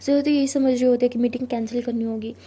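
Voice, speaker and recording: A woman's voice: a little high, fairly even intonation, fast, warm tone, slight background noise. A woman casually narrating a romance story in a chatty retelling style. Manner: chatty retelling, self-correcting.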